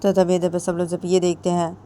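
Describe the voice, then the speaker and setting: Low, mellow woman storyteller. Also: monotone, fairly quick, a little hiss or hum. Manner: repetitive, plain narration. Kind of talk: storytelling narration.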